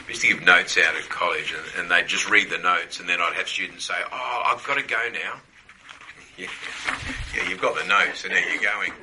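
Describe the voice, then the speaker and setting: A man's voice: low-pitched, flat delivery, a little fast, echoey room, heavy background noise. A man teaching a Bible class to a group, conversational, often checking in with "yeah?" and repeating phrases for emphasis.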